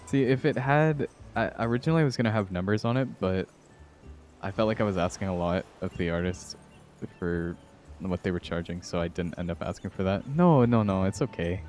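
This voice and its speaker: Male livestreamer, lower-pitched voice, playful, chatty, casual gaming chat, background music. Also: moderate pace, darkish tone. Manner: playful, chatty, giggly, addressing viewers.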